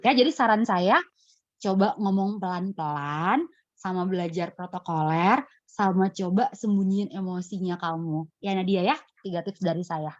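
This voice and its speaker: A woman giving public speaking advice in a webinar Q&A, lively and playfully acting out example voices. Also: mid-range voice, no room sound, highs cut off. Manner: lively, acts out quotes with expressive voices.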